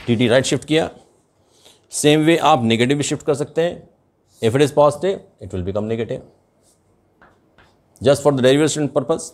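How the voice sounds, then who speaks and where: This chemistry lesson comes from an older man with an Indian accent, explaining at a board in a slightly mellow, medium-pitched voice. He switches between Hindi and English, speaking slowly and with deliberation.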